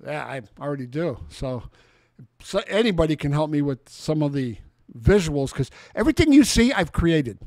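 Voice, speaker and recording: A man's voice: fairly high pitch, big pitch swings, normal speed, a little mellow, no echo. A man of sixty hosting a casual, rambling chat with a guest. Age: 60s. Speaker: host.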